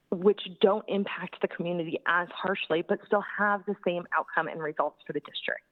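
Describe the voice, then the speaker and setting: A woman calls in by phone to give public testimony. The line is thin and dry, squeezing her slightly low voice into a narrow band. She speaks earnestly, stopping and restarting with ums. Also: no echo. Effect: speaking over a phone line. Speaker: parent giving public comment.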